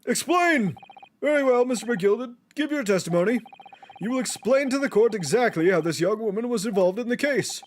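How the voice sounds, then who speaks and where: A man's voice: very high-pitched, animated, moderate pace, a little hiss or hum, pitched above the performer's own voice. A man voicing a stately, formal judge in a courtroom video game, with a pompous and stern manner. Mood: commanding. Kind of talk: theatrical video game character reading.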